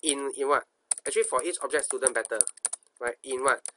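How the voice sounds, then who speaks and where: Speaking a little fast in a mid-range voice, a male programming instructor with a Singaporean accent thinks aloud through an informal coding tutorial. His delivery is pushed and bright, full of colloquial self-questioning and repeated phrases, over slight background noise.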